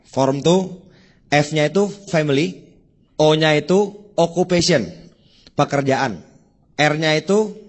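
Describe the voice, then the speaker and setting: A man giving a casual sales training talk who addresses his listeners directly and acts out short sample conversations. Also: fairly high pitch. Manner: chatty, acts out sample dialogues. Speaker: network marketing trainer.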